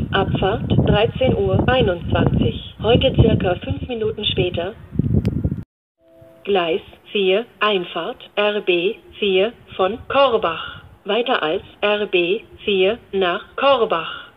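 A female station announcer delivers flat automated platform announcements at a slow pace. Her phrases are formulaic and pieced together. The recording is dull, with clear background noise behind her. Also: mid-range voice.

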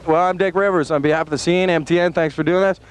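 A man's voice: on the high side, fairly even intonation, quick pace, smooth. A man working as a radio DJ, chatting casually on air with a jokey, self-deprecating showman manner.

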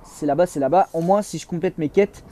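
A young man giving casual let's-play commentary, chatty, restarting his sentences, with excitable bursts. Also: on the high side, a little fast. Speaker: gaming YouTuber.

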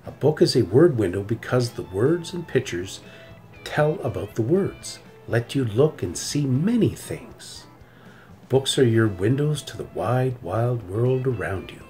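In a medium pitch, a middle-aged storybook reader delivers a children's tale aloud with deliberate, expressive care.

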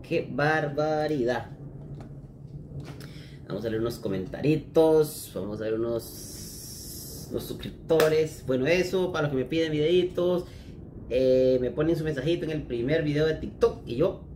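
A man's voice: a little high, a little slow, background noise. A man chatting casually in a vlog, reading lists aloud and musing to himself as he goes. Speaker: vlogger.

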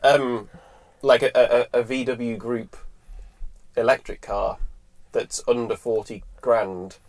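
A man's voice: mid-range voice, level tone, slow pace, a little mellow, dry recording. A man co-hosting a podcast, chatting casually and rambling with fillers and restarts. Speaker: podcast co-host. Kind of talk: casual chat.

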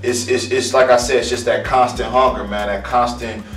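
A man in his thirties from Akron, Ohio, a barber answering interview questions in a calm, earnest way, often repeating words as he searches for them. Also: medium pitch, moderate pace. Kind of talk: casual interview. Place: small room indoors. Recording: roomy, distant mic, faint music.

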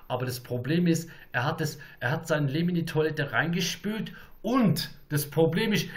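A man livestreaming to his viewers, talking in a rambling, repetitive and excitable way. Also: fairly high pitch. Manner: repetitive, restarts and repeats phrases, excitable. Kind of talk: rambling live-stream monologue to viewers.

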